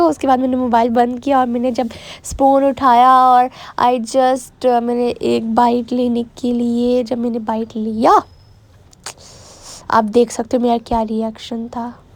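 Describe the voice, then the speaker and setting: A woman's voice: fairly high pitch, fairly even intonation, normal speed, a little mellow. A young woman, narrating her vlog in a chatty, self-mocking way that often restarts mid-sentence. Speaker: vlogger. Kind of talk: casual voice-over vlog narration.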